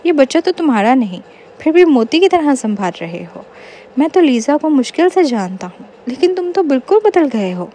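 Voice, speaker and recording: A woman's voice: high-pitched, sing-song, mellow, a little hiss or hum. A woman voicing a cheeky, self-pitying young man in a storybook reading. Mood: teasing. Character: cheeky lonely young man, whiny joker.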